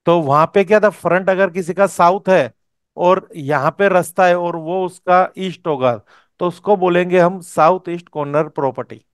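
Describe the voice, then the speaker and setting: A man's voice: high voice, moderate pace, smooth, no room sound, clean studio sound. A man teaching a course, explaining step by step and often checking that his student follows. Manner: explanatory, checks understanding with "okay?". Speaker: vastu teacher.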